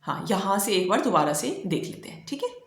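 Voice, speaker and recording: A woman's voice: medium pitch, very animated, brisk, reverberant. Teacher woman mixing Hindi and English. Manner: explains in Hindi mixed with English, repeats and checks "ठीक है". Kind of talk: online exam-prep lecture.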